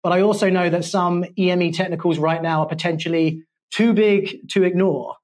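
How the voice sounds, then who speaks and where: A man with a London English accent hosts a studio podcast, his voice sitting a little high for a man. His delivery is polished, playful and wordy. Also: fairly even intonation, moderate pace, darkish tone. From England. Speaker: podcast host. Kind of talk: corporate podcast hosting.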